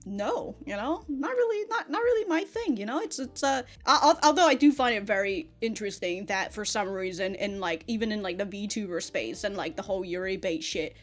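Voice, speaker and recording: This young woman's mid-range voice moves with lively intonation, running a little fast and seldom pausing. Hosting a loose episode reaction, she curses freely, uses fan slang, and laughs her way through acted-out quotes.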